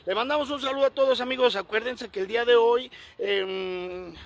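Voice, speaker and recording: A Mexican man vlogging at a primary school, joking playfully and calling out loudly. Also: extremely high pitch, normal speed. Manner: playful, teasing, calls out loudly. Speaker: vlogger delivering a birthday gift. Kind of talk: casual joking vlog chat. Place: outside and inside a primary school.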